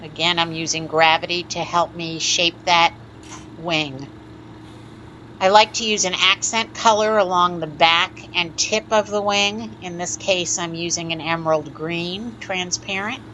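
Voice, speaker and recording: A woman talks through a hands-on glassworking demonstration in a calm, methodical teaching voice. Her voice sits a little low, and the recording is slightly muffled, with a faint hiss underneath. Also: measured pace. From United States. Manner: calm, instructive, methodical explanations. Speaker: glass artist teaching a lampworking demo. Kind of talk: step-by-step tutorial narration.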